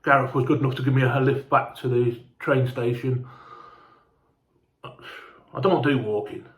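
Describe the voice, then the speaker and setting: A man's voice: medium pitch, flat delivery, normal speed, echoey room. A man telling a casual, rambling travel story, sweary and chatty, sounding hungover and unwell. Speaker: fan vlogger.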